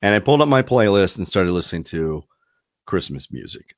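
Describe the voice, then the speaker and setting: A man's voice: deep voice, sing-song, fairly quick, no room sound, clean studio sound. A man hosting a casual podcast chat, rambling and wandering off on tangents. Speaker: podcast host.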